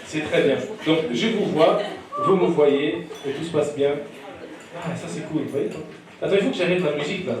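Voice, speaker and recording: Teasing stand-up emcee working the room. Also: male voice, fairly high pitch, moderate pace, crowd noise. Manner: teasing, banters with diners. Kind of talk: live stand-up crowd work. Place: comedy club during dinner service. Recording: echoey room, distant mic, audience.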